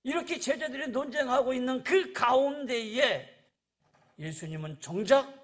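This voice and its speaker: High-voiced Korean pastor preaching animatedly. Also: male voice, normal speed. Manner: animated preaching, acts out disciples' and Jesus' lines. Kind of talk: sermon.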